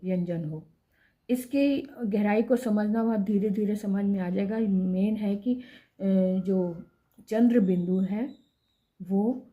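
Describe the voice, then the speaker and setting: A woman teaching a grammar lesson in an unhurried, measured way. Her voice is mellow and soft-edged, and she says each correct word again so it sinks in. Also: medium pitch. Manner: slow, deliberate, repeats each word for emphasis. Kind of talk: explaining spelling corrections.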